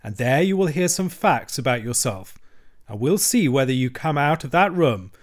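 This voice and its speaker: A man's voice: mid-range voice, animated, normal speed, close to an everyday voice. A man voicing a solemn, commanding old male badger in a storybook reading, grave and firm. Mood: severe.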